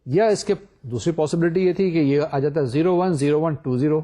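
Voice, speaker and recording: A man's voice: a little high, warm tone. An older man giving a recorded university lecture, explaining step by step and asking the class rhetorical questions.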